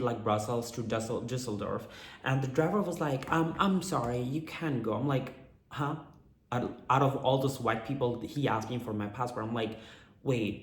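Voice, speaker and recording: A young man with a cracked, hoarse, strained voice, chatting casually in a candid, slangy, rambling storytime vlog. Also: mid-range voice. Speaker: vlogger. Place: indoors in an apartment. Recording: echoey room.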